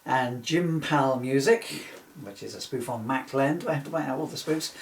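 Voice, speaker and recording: A male author reads from his comic parody book in an informal, rambling way, adding asides and often giggling at his own jokes. His voice is mid-range at a moderate pace. He's recorded off-mic in an echoey room with slight background noise.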